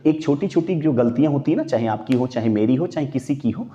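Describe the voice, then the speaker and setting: A man's voice: medium pitch, animated, fast, dark tone, muffled recording. A man teaching a grammar lesson, calling viewers his friends and posing questions that he answers himself.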